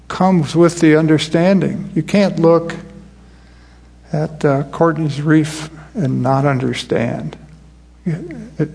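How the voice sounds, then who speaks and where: A man's voice: a little high, creaky, darkish tone. A man preaching a sermon in a conversational style, often restarting his sentences.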